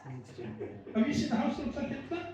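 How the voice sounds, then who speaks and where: Male comedian, Swansea Welsh accent. Rambling, sweary, self-deprecating crowd banter, animated pitch, very echoey live room. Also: quick pace, dull audio, soft background music. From Swansea, Wales. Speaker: stand-up comedian. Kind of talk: stand-up comedy with audience banter. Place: live comedy venue with small audience. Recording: very echoey room, distant mic.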